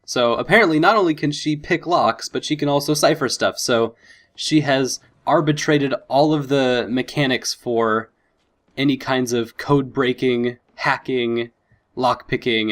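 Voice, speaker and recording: Man giving casual game commentary, medium pitch. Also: fairly bright tone. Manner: easily impressed, thinking aloud. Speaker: gaming video host. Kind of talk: casual let's play commentary.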